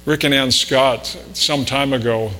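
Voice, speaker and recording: Male pastor, bright, forceful delivery, sermon in a reverberant church with a faint hum. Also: mid-range voice, steady tone, unhurried. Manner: conversational preaching with anecdotes, rising emphasis on key points. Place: church sanctuary. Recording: reverberant hall with mains hum.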